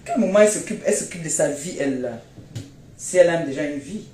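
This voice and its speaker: A woman's voice: low-pitched, lively intonation, quick pace, warm tone, echoey room. A woman with a Cameroonian French accent, feeling unwell, scolding and mocking someone in repetitive jabs during a phone live stream. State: unwell, tired.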